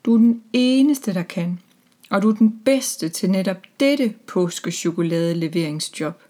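A woman's voice: mid-range voice, animated, mellow, natural voice. A woman voicing a fussy, anxious Easter hen in a children's storybook reading. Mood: pleading.

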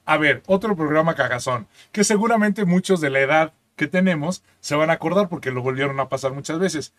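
Un hombre con acento mexicano, copresentador de un pódcast, que charla en tono de broma, con groserías y voces imitadas. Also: male voice, fairly high pitch, brisk, dry recording. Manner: joking, crude slang, animated impressions. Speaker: podcast co-host. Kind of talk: casual chat. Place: studio.

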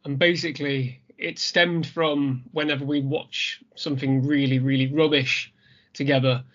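A man's voice: mid-range voice, little pitch movement, normal speed, a bit bright, muffled recording. A man with a British accent, a guest in casual chat, chatty and often hesitant. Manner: chatty, hesitant with many ums. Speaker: guest, YouTube reviewer.

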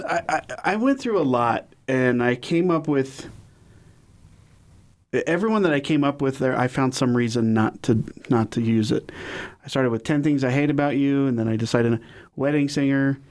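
Man, podcast co-host, casual, relaxed, reads listener questions. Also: medium pitch, moderate pace. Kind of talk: casual chat.

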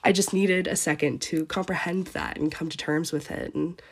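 A woman's voice: low voice, fairly even intonation, normal speed, slightly rough. A young woman from eastern Canada hosting a podcast, talking earnestly and at length, her voice sounding sick. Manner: earnest, gushing, rambling. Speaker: podcast host. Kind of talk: heartfelt solo podcast farewell.

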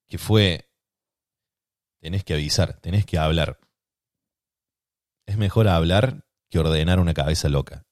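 Argentine dude, deep voice, telling a funny embarrassing story on his podcast, dry mic. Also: no room sound. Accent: Rioplatense Spanish. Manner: self-deprecating, animated storytelling. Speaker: podcast host. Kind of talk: personal anecdote monologue.

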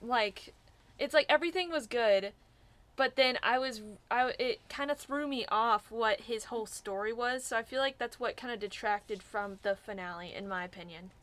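A woman co-hosting a podcast in casual chat, animated and acting out her own reactions. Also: on the high side, normal speed. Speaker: podcast co-host.

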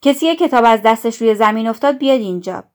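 A woman voicing a stern, pompous middle-aged male school patron who lectures loudly and self-righteously in a storybook reading. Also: medium pitch, close to an everyday voice. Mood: scolding.

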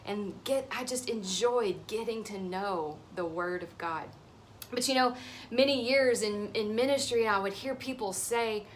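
A woman's voice: medium pitch, fairly bright tone, a little hiss or hum. A woman in her thirties giving an earnest, encouraging devotional teaching as host of her ministry show.

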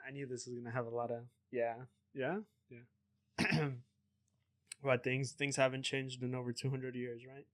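A young man chats his way through a podcast segment in a loose, rambling manner. His voice sits at an ordinary middle pitch. The sound is dry and close, with no room around it. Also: flat delivery, normal speed, dry recording. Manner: rambling, loose, swears casually. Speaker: podcast host. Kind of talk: casual podcast chat.

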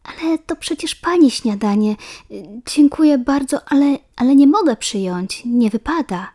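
A woman's voice: sits high, animated, normal speed, dark tone, pitched above the performer's own voice. A woman voicing a shy, polite little schoolgirl. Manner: polite, timid.

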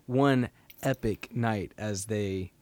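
A man of twenty-three hosting a casual book discussion, retelling the plot with lively asides. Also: fairly low pitch, slow pace, no echo. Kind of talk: casual book-club chat.

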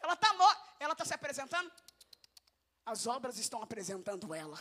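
Woman pastor, high bright voice, lively preaching to a congregation. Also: a little fast. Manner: animated preaching, talking straight to the congregation. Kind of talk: sermon. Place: church.

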